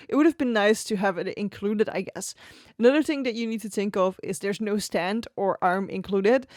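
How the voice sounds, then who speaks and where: A streamer at her home desk talks about her gear in a medium-pitched, darkish voice with no echo. She's chatty and relaxed, laughing frequently through the casual tech review, right up on an XLR studio microphone on an arm.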